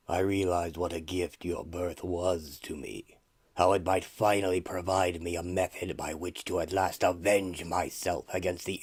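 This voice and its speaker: A man voicing an imperious armored villain sorcerer in a comic-book radio play, slow, pompous and eldritch, with breathy menace. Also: sits low, darkish tone, dry recording.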